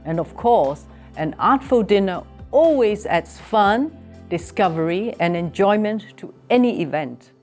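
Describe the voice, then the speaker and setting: A woman giving measured, formal scripted narration for a documentary. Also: mid-range voice, lively intonation, music in the background.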